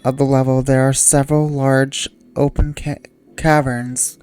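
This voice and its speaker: A sleepy, yawning woman hosting a channel, reading wiki entries aloud in a halting way and stumbling over words. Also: extremely low pitch, mellow, clean tone.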